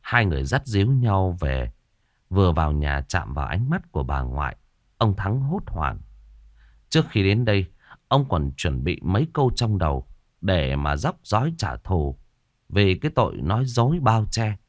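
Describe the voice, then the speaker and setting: A man with a fairly low voice narrates a ghost story, his pitch rising and falling in a lively way. The sound is dry and close-miked. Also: normal speed, dry recording. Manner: expressive storytelling.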